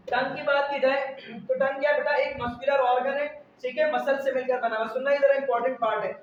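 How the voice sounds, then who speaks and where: A man's voice: extremely high pitch, recorded from a distance, slight background noise. A male biology teacher, giving a classroom lecture and quizzing students with repeated questions. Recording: echoey lo-fi room recording from afar.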